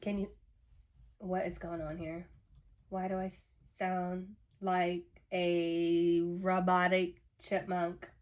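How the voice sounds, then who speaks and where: A woman's voice: little pitch movement, slow, darkish tone. Woman, podcast host, glitchy robotic chipmunk voice, chatty, rambling. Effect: glitchy high robotic chipmunk voice. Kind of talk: casual solo podcast chat.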